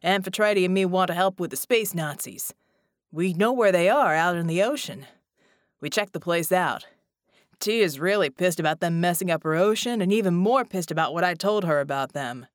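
A woman's voice: on the low side, normal speed, dry recording, clean studio sound, lightly acted. A woman narrator voicing a friendly male stone giant who talks in an easygoing, slangy way, in an audiobook. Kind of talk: audiobook character voice.

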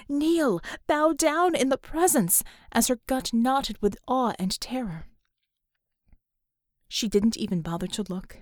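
A woman reading a story aloud as an audiobook narrator, unhurried and expressive. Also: fairly high pitch, no room sound, studio quality. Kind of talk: scripted narration.

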